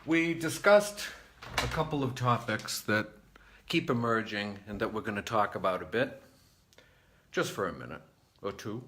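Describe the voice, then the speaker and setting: A man from New England with a lowish voice speaks straight to his viewers in a measured spiritual monologue. He takes his time and leans on key words. He rises to bright, louder bursts, then drops to quiet, near-murmured stretches. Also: a little hiss or hum. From New England, United States. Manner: slow, deliberate and reflective, with swings from lively to hushed. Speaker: vlogger.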